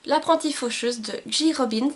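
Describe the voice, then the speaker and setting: A woman book vlogger chats casually and enthusiastically about the books she received in a haul, using plenty of filler words. Her voice is high-pitched at a normal speed, with slight background noise.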